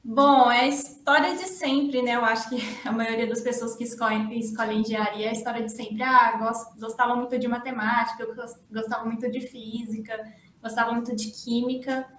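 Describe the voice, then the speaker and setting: A young woman from Minas Gerais, an electrical engineer, chatting relaxed as an interview guest. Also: a little high, fairly quick. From Formiga, Minas Gerais, Brazil. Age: young adult. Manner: relaxed, chatty, with small restarts and laughs. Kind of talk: casual interview talk. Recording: echoey room, distant mic, faint noise.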